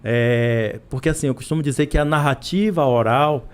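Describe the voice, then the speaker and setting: Brazilian male professor, podcast guest, stumbling restarts, steady mid-pitched voice. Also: normal speed, clear, resonant tone. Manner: hesitant, many restarts and repeated words. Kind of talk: podcast interview.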